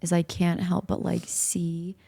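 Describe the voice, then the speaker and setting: A woman's voice: fairly low pitch, monotone, measured pace, creaky, dark tone, no echo. A woman in a casual spiritual chat, speaking in a reflective, searching way with many fillers.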